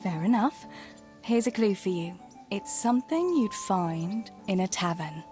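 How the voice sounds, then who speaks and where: A woman's voice: mid-range voice, animated, a little slow, warm tone, soft background music, natural voice. [name], a woman as a teasing young village sweetheart. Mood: playful. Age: young adult.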